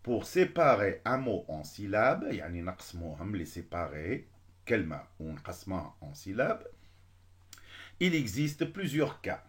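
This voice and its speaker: A man with an Algerian accent teaching a beginners' French lesson, switching between French and Algerian Arabic and drawing out syllables slowly. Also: on the low side.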